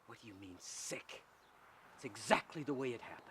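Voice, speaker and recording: An actor playing a volatile film director who stammers and bursts into shouting. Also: male voice, medium pitch, expressive, moderate pace, a little hiss or hum. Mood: furious.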